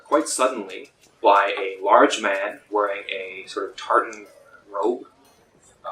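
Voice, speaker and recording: A man narrates a tabletop roleplaying session, pacing out the scene with small pauses and fillers. His voice sits a bit low but sounds bright and forward. The room is echoey, with a faint hiss under it. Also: recorded from a distance. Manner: descriptive, unhurried with frequent ums. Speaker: game master.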